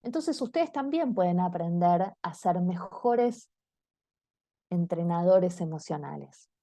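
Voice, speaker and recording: A woman's voice: on the low side, animated, slow pace, mellow, dry recording. Argentine woman speaking to parents. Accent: Argentine Spanish. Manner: engaging, often checks in with the audience. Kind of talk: online talk to parents and teens.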